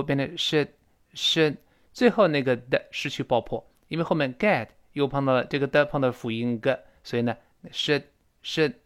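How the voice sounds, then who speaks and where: A man teaching a spoken English lesson. He breaks words apart and repeats them slowly, with chatty asides along the way. His pitch sits in the middle range for a man. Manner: chatty, with little asides and soft laughs.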